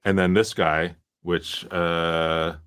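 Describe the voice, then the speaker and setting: Man co-host, very low voice, easygoing, hesitant short answers. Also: level tone, takes it slowly, a bit bright, smooth. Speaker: podcast co-host. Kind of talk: casual chat. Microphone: desk microphone out of shot.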